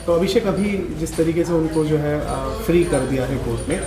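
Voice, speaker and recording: Brisk male street reporter. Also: fairly high pitch, fairly even intonation, dark tone, reverberant. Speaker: news reporter and host. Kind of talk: street interviews and a closing news wrap-up.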